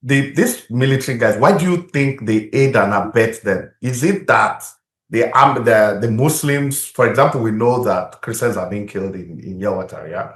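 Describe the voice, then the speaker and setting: A man's voice: medium pitch, moderate pace. A man hosting an interview in a conversational way, often murmuring short acknowledgements. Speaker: interviewer, host. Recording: echoey, roomy sound.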